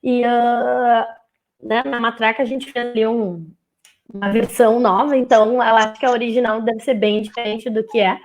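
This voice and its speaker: A young woman, a music teacher chatting casually in a live stream, now and then singing short playful bits of children's songs. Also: a little high. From southern Brazil. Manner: lively, sings short playful phrases to show children's songs. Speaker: music teacher and speech therapist guest.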